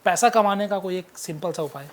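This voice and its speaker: A man's voice: high-pitched, brisk. A man hosting a casual podcast interview, asking short questions in a playful way. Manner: playful, laughs often, asks short questions. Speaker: podcast host.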